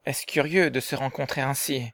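A man voicing Riquet, an eager, affectionate young man in love, in a dramatized story reading, often hushed and conspiratorial. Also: medium pitch, fairly even intonation, normal speed, vocal fry.

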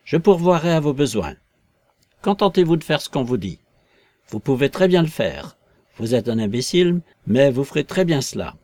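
A man voicing an invisible man in a storybook reading, loud, harsh and commanding toward a servant he despises. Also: mid-range voice, lively intonation, moderate pace, no echo, lightly acted. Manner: commanding, threatening, contemptuous. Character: harsh, domineering invisible man, adult male.

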